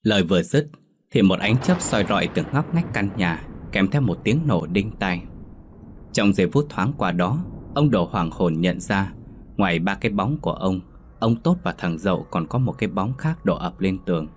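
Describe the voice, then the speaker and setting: Deep-voiced male ghost story narrator. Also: big pitch swings, normal speed, slight background noise.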